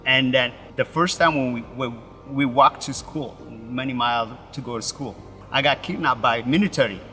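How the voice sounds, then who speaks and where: Halting Ethiopian-born pastor, bright roomy sound. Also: male voice, medium pitch, faint music behind. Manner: halting, broken English with many restarts. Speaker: pastor, interview guest. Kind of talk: personal story in an interview.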